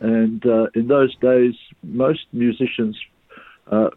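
Older guy from sri lanka talking down a tinny phone line, husky, lots of uh's and restarts. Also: medium pitch, steady tone, no room sound. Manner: halting, many uh's and restarts. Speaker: orchestra conductor. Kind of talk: radio interview, answering questions.

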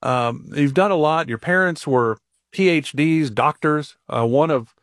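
A man hosting a radio talk show, asking his guest upbeat rapid questions and reading out a phone number. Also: on the high side, no echo, studio quality.

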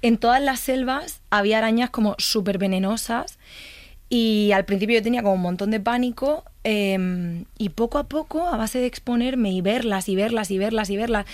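A woman's voice: a little high, moderate pace, dry recording. A woman psychologist on a talk show, openly recounting her own experiences. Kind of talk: personal story in a talk show.

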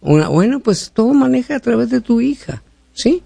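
A man's voice: very high voice, big pitch swings, normal speed, creaky, warm tone, breathy edge, no echo. A man hosting a call-in radio show, giving direct advice to listeners and callers. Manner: direct, advising, rhetorical.

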